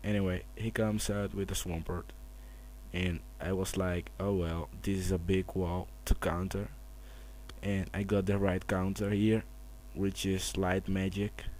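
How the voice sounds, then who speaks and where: A gamer talks through his own battle in a slow, hushed, low voice, careful not to wake the others asleep at home at night. The casual commentary comes through a noisy camera mic carrying a hum.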